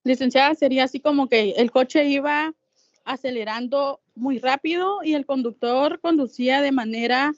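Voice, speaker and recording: A woman's voice: high-pitched, normal speed, dry recording. A female student politely and tentatively trying out an answer in an online class. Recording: dry dull call audio.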